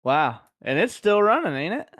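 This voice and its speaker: A man's voice: high-pitched, normal speed, no echo. A man in his thirties co-hosting a podcast, telling crude jokes in casual banter. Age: 30s. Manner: jokey, crude, animated. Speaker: podcast co-host.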